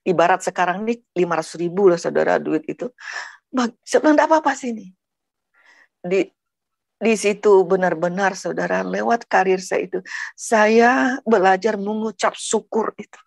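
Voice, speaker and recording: A woman's voice: medium pitch, creaky, dry recording. A middle-aged woman from Padang giving an emotional personal religious testimony, repeating words and often turning to her listeners directly. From Padang, West Sumatra. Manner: earnest, emotional, repeatedly addresses listeners as brothers and sisters; halting, repeats words as she talks. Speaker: testimony speaker.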